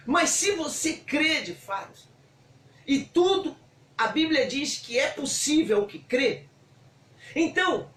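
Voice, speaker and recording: A man preaching a sermon as a bishop, fervent and swinging from hushed to shouting. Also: extremely high pitch. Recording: echoey room, voice from far off.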